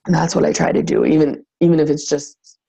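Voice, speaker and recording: Low, gravelly woman losing her voice. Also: level tone, a little fast, dark tone, poor audio. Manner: rambling, filler-heavy, acts out quotes with big pitch jumps. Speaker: team leader of fitness coaches. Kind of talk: casual talk on a team call.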